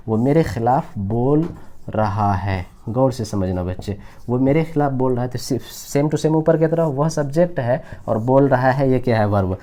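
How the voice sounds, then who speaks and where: A man teaching an English grammar lesson, patiently explaining, calling his students children and slowly repeating example sentences. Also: medium pitch, dark tone. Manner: explains patiently and rephrases often. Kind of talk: classroom grammar lecture.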